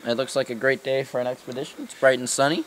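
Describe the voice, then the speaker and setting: A man's voice: medium pitch, fast, over a noisy crowd, poor audio. A young man playing the laid-back sidekick in an improvised outdoor comedy sketch. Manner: laid-back, laughing at his partner. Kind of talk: improvised mock documentary. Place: outdoors on a sunny hill.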